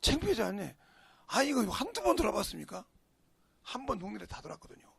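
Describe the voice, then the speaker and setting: A middle-aged male pastor preaching a sermon in a church, telling a personal story in a folksy way and swinging between shouts and hushed whispers. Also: high voice, big pitch swings, fast talker, creaky, breathy edge. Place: church sanctuary.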